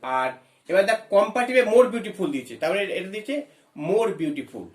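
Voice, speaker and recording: A man's voice: high-pitched, big pitch swings, echoey room. A man teaching an English grammar lesson, explaining step by step, asking questions and spelling words letter by letter. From West Bengal. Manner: reads English phrases slowly.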